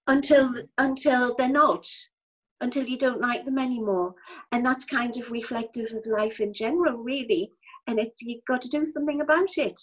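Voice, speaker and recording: Woman, bright high voice, co-host making dry asides, relaxed chat. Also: normal speed. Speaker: advice podcast co-host. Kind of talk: casual chat.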